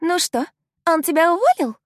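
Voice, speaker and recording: A woman voicing a spiteful young female coworker, shrill and mocking in a sing-song tone. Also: expressive, moderate pace, dry recording, clean studio sound.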